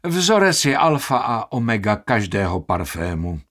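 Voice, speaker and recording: A man voicing a stern, irritable older master perfumer who scolds, shouts and mocks. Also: fairly low pitch, big pitch swings.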